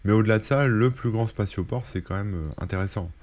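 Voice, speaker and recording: Deep-voiced rambling French tech blogger. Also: male voice, brisk, a little mellow. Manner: rambling, many fillers and self-corrections. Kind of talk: casual screen-share link roundup.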